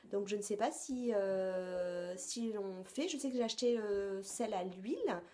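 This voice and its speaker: A woman reviews her used-up beauty products in a relaxed, chatty vlog. She speaks to her viewers directly, hesitating often and restarting her sentences as she searches for words. Her voice sits at an ordinary middle pitch. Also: measured pace. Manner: hesitant, frequent filler sounds and restarts. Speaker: beauty vlogger.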